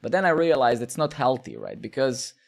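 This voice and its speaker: A man's voice: mid-range voice, huge pitch swings, a little fast, gravelly. A man in his thirties from Serbia, chatting casually with viewers while live coding, rambling with fillers, swearing and asking "right?". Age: 30s.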